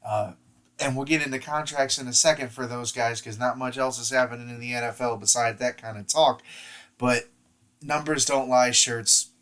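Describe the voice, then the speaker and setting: A man's voice: mid-range voice, fairly even intonation, moderate pace, fairly bright tone. A man co-hosting a casual sports podcast from home over the internet. He rambles and repeats words as he restarts his sentences. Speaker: podcast co-host. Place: at home in Ohio, talking remotely. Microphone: remote podcast mic over the internet.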